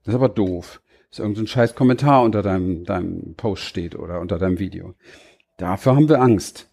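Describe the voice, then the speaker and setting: A man who trains coaches, giving a motivational talk straight to the listener, slow and deliberate, checking in with short tag questions. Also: deep voice, vocal fry, darkish tone. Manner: addresses listener directly, frequent tag questions.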